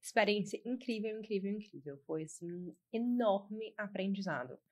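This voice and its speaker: A woman in her twenties from northeastern Brazil, a guest on an interview podcast, telling stories in a lively way and repeating words for emphasis. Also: medium pitch, normal speed. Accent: Ceará Brazilian Portuguese. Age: 20s.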